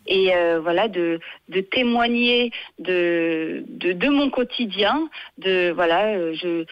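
A contralto woman talks as a radio guest and pauses often to restart her phrases. Her voice comes over dry and a little dull, like a narrow-band line. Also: lowish voice, expressive, no echo. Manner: hesitant, many restarts and fillers. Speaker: singer-songwriter guest. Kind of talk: radio interview.

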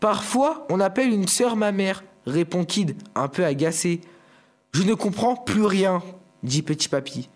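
High-voiced man reading a comic story. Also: unhurried. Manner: lively storytelling, voices for dialogue.

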